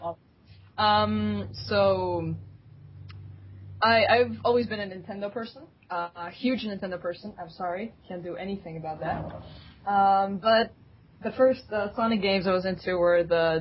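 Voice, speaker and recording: A woman's voice: mid-range voice, husky. A woman telling stories with giggles, as a guest in a casual group interview. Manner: giggly, animated storytelling. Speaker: guest, community staff member. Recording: dull lo-fi audio.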